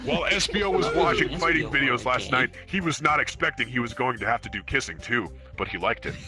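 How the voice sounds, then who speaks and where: In an online virtual reality hangout, an amateur reader of comic fan fiction narrates a comic story with mock-serious drama. His mid-range voice is animated and a little fast, and music plays behind him.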